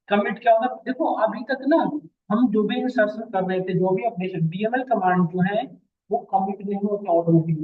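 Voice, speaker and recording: Man teaching, thin phone-line sound. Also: sits high. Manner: addresses students as beta, asks checking questions. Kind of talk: classroom lecture. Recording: distant mic, phone-like lo-fi sound.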